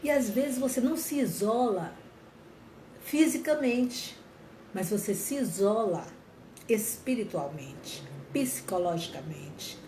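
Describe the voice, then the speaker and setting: An earnest woman talks directly to viewers in a reflective way, often restarting and rephrasing as she goes. Her voice sits at a middle pitch. The room sounds echoey, with a faint background hum. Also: animated, slow pace, mellow. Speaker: speaker on mental health.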